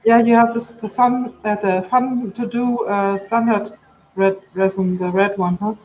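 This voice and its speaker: A woman whose first language is German, co-hosting a casual stream chat, talkative and quick to correct herself. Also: mid-range voice, fairly even intonation, darkish tone, faint music behind. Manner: chatty, apologetic, self-correcting. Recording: slightly dull video call audio.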